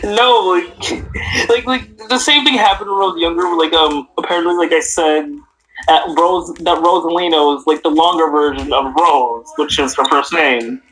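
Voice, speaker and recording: A high-pitched teenage boy talks with his friends on a casual podcast. His bright voice rambles and trips over fillers and restarts. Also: moderate pace, slight background noise, low-quality recording. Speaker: podcast co-host. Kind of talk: casual chat.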